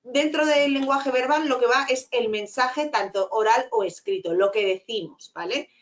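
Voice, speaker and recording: A middle-aged woman teacher giving an online lecture, talking fast and tagging her points with quick checks. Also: a little high, highs cut off. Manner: fast-talking with frequent "¿vale?" tags.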